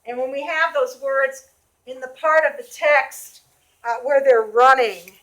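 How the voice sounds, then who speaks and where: A woman teacher with a Boston accent runs a classroom reading lesson, quizzing students by name. Her voice sits high and sounds bright and sharp. The room around her rings with echo. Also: unhurried. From Boston area. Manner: questioning, calls on students by name. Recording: echoey classroom.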